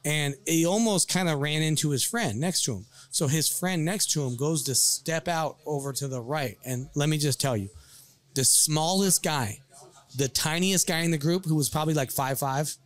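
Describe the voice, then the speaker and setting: A man casually telling a story on a podcast, animated, swearing freely and acting out what people said. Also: fairly high pitch, normal speed. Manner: animated, swears freely, acts out quoted lines. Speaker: podcast storyteller, bar worker.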